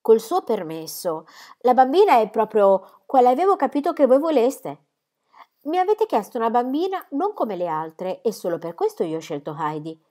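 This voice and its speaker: A woman's voice: a little high, big pitch swings, normal speed, mellow, voice pushed up. A woman reading aloud, voicing an eager aunt who defends the child politely but insistently.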